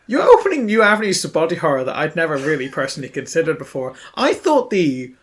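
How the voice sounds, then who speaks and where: A man's voice: on the high side, sing-song, fast. A man, narrating as game master of a tabletop role-playing game in a wry, descriptive way.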